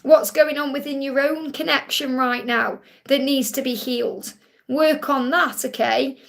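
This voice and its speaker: Speaking slightly slowly in a steady tone, a woman in her 40s with a high, light voice and some vocal fry runs a live Q&A as a spiritual reader. She reads viewers' messages and offers soothing readings, her affirmations taking on a sing-song lilt.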